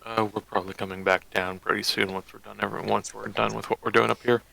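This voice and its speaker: A man's voice: fairly low pitch, flat delivery, quick pace, vocal fry, crowd noise. A man player in a tabletop game, narrating his character in a laid-back, amused way. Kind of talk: tabletop roleplay banter.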